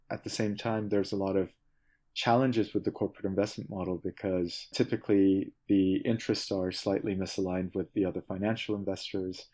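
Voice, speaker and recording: A man, answering interview questions in a measured, thoughtful way with frequent pauses. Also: deep voice, warm tone. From South Korea. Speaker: guest, venture capitalist.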